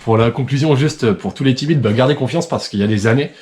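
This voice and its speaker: Man, mid-range voice, quick delivery, casual vlog host commentary. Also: medium pitch, darkish tone. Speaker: video host.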